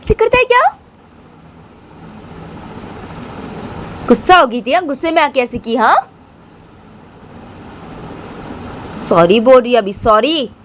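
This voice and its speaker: Playing an old grandmother, a woman shrilly scolds the character's daughter-in-law, nagging and saying the same things over and over. There's slight background noise.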